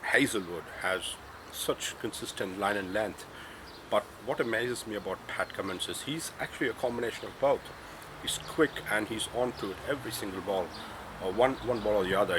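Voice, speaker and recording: A man in his twenties with a cold and flu, chatting through a casual cricket match review, full of fillers and rising to excited emphasis. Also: low-pitched, background noise. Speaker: cricket vlogger.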